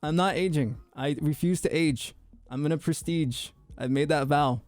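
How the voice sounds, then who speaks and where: Debuting as a VTuber, this young man keeps the livestream chat casual: he jokes, goofs around, laughs easily and trips over words in stammering restarts. His voice is a little high with a darkish tone, recorded with no room sound over soft background music.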